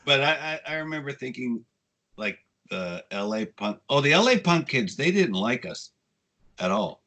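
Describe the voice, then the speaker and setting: A man in his sixties, a guest telling casual, rambling stories with frequent swearing, getting animated when he quotes people. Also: mid-range voice, moderate pace. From United States. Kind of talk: casual storytelling interview.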